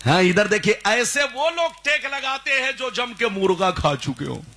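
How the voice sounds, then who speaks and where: Male preacher, high voice, slow measured delivery, live sermon, urges the crowd to shout back, sing-song chanting. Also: very animated. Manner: calls on the crowd to answer loudly; slides into a sung chant on some phrases. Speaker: Islamic preacher. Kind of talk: sermon at a religious gathering. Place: live religious gathering.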